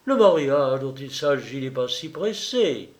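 A man's voice: medium pitch, expressive, unhurried, darkish tone, natural voice. A man reading aloud, voicing a scheming aristocratic mother who speaks with false sweetness and irony. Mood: ironic. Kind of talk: audiobook character voice.

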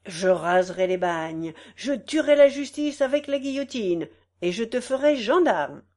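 A woman voicing a smug, greedy male election candidate who shouts grand promises in a storybook reading. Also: fairly high pitch, animated, measured pace, pitched above the performer's own voice. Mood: grandiose.

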